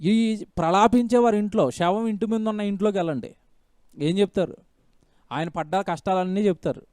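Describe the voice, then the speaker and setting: High-voiced emphatic preacher man. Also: normal speed, darkish tone, no echo, studio quality. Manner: emphatic preaching with rhetorical questions and repeated phrases. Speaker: pastor. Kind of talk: sermon.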